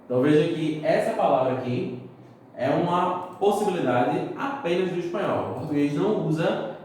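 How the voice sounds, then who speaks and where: Male teacher from Brazil, lively up-and-down delivery, quite a high voice, step-by-step explaining, very roomy echo, mic set back. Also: moderate pace, slight background noise. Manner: explains step by step, checks in with the students. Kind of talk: recorded classroom lesson. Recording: echoey room, mic at a distance.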